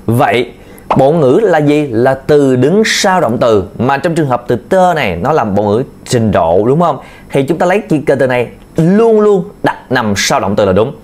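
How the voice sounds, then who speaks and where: A man's voice: mid-range voice, big pitch swings, normal speed, a little mellow, slight background noise. A man teaching a video language lesson, patiently repeating key points to his learners. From Vietnam. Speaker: Chinese teacher.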